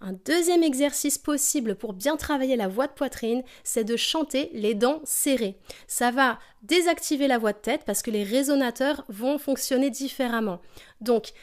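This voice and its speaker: A woman teaching a singing lesson, explaining vocal technique calmly and demonstrating exercises. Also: high-pitched, normal speed, hardly any pauses.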